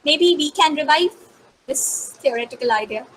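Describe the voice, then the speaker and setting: Woman, guest lecturer, high pitch, measured and thoughtful, video call. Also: lively intonation, a bit bright, rough recording. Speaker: guest lecturer answering questions. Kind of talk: Q&A answer.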